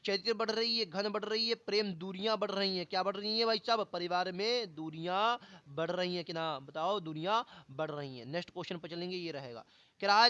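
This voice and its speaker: Man, high voice, teaching exam practice, asks and answers his own questions, repeats key words, dull lo-fi audio. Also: bright, forceful tone, no room sound. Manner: colloquial, addresses viewers as brothers and friends. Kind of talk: online exam-prep lesson.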